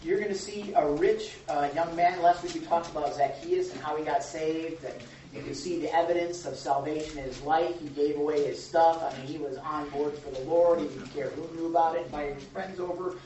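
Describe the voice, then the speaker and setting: A pastor with a voice on the high side leads an informal Bible study in a church room, speaking fairly quickly in a steady, dark tone. He talks conversationally with the group, asks them questions and chuckles often. The recording is dull and lo-fi, captured from far off in an echoey room, with slight background noise.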